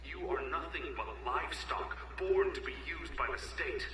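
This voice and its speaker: A defiant rebel leader booming over a megaphone. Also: male voice, moderate pace. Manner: stern, declamatory proclamation. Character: defiant young male rebel leader addressing a city. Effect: public broadcast through loudspeakers, like a megaphone. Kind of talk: game cutscene voice acting. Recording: echoey, distant loudspeaker broadcast with noise.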